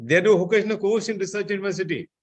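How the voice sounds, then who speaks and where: A man giving an online seminar lecture, often filling pauses with "I think, you know". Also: sits high. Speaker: seminar speaker.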